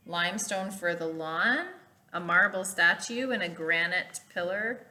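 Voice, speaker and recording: Taking on a teacher's role, a woman with a lowish, sharp-toned voice reads a children's storybook aloud. She stresses words clearly, adds explanations along the way and poses questions to her listeners.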